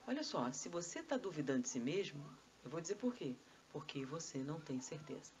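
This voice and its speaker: Speaking briskly in a low, darkish voice with big swings in pitch, a woman with a Brazilian accent delivers a live spiritist lecture in a society's meeting hall. Rhetorical questions and chatty asides run throughout, and there's a slight hiss or hum on the recording.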